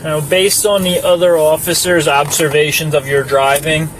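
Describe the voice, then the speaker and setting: A male police officer calmly and patiently explaining procedure and talking casually. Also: on the high side, normal speed. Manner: calm, patient. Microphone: body-worn camera. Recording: noisy police bodycam audio.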